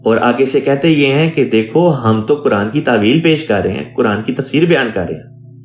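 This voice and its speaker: A man, an imam, teaching a Quran translation lesson, reading Arabic phrases and explaining each one in a measured teaching tone. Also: mid-range voice, expressive, roomy sound, faint music behind.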